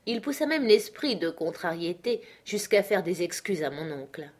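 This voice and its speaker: Female narrator for a classic novel, lively, lifts her voice for the dialogue. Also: normal speed. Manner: lively, voices dialogue with raised pitch and volume. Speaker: audiobook reader. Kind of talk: scripted narration.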